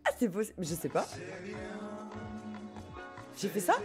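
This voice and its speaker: A French woman with a lowish voice and wide pitch swings talks a little slowly as she live-streams a game over game music. She chats casually with her viewers, giggles, swears offhandedly and speaks directly to chat.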